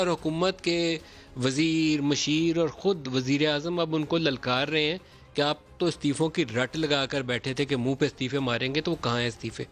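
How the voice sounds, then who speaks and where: A man hosting a political talk show, delivering emphatic, declamatory commentary from a TV studio. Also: on the high side.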